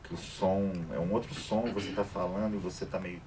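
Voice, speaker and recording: A very low-voiced man leads a relaxed post-screening debate, wandering through his thoughts with fillers. He sounds distant from the mic, with clear background noise in the cinema hall. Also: fairly quick. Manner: rambling, thinking aloud with fillers. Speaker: festival debate moderator.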